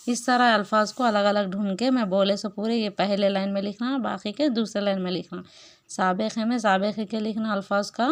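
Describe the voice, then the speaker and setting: A woman teacher giving a recorded Urdu lesson, explaining slowly, repeating points and asking questions. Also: medium pitch.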